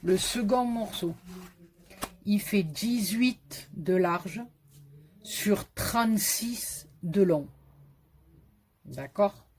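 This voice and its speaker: A woman with a Marseille French accent talks her viewers through a scrapbooking project in an easygoing, joking way. Her delivery is slow and her tone mellow, and she goes back over each measurement carefully. A faint room ambience sits behind her voice. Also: mid-range voice, a little hiss or hum. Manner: chatty, joking, repeats measurements slowly. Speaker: scrapbooking video host. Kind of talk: casual craft tutorial.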